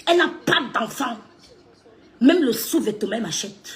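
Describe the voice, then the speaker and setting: A woman's voice: a little high, animated, normal speed. A woman ranting on a live stream, scolding someone, repeating herself and laughing mid-sentence. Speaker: social media live streamer. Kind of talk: heated live-stream rant.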